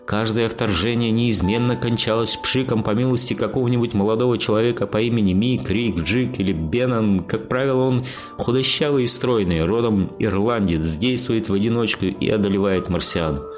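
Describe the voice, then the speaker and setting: A man's voice: on the low side, normal speed, faint music behind, pitched above the performer's own voice, lightly acted. A man voicing a stubborn, bookish Martian man who argues earnestly and lectures his accuser.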